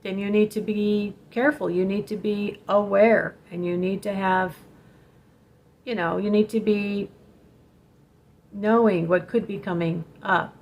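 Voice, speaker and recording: A woman's voice: medium pitch, steady tone, measured pace, gravelly, darkish tone. Earnest woman telling a personal story. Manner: earnest, direct, addresses viewers as "guys". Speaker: spiritual channel host telling a personal story. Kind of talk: personal storytelling vlog, warning viewers.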